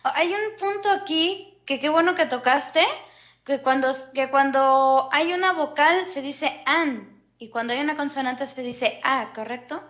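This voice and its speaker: A woman's voice: high-pitched, a little slow, a bit bright. A woman hosting a casual podcast lesson, chatty and giggling often. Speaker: podcast host.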